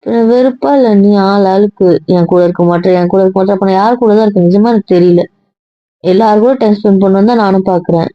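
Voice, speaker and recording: A woman's voice: mid-range voice, fast talker, dry recording, natural voice. A woman playing an upset young wife in an amateur audio drama, protesting and explaining herself at length. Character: hurt, defensive young wife. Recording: dry, dull lo-fi audio.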